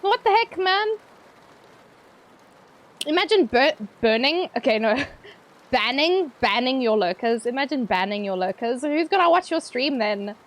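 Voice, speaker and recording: A woman's voice: high voice, expressive, measured pace, pauses often, low-quality recording. A playful young woman teasing her chat. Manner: playful, teasing, laughs often. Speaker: streamer. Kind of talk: casual gaming stream chat with viewers.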